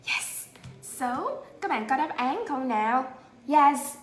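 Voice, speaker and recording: A woman with a Vietnamese accent teaching English to children, speaking slowly and repeating words so pupils can echo them. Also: high-pitched, animated, slight background noise. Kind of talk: bilingual lesson for children.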